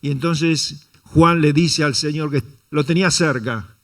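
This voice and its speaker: A man's voice: fairly high pitch, a little slow. A man preaching a Sunday sermon, asking the congregation rhetorical questions and calling them brother. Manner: dramatizes quotes with shifting intonation. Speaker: pastor.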